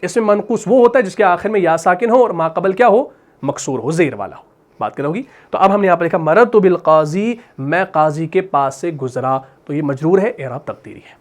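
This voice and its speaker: A male teacher explaining Arabic grammar in Urdu with a Pakistani accent. He asks questions and answers them himself, and at times recites Quran verses slowly. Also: high voice, animated. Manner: repeats questions and answers them himself, adds "bhai" and "theek hai na". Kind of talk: explaining grammar while writing on a board.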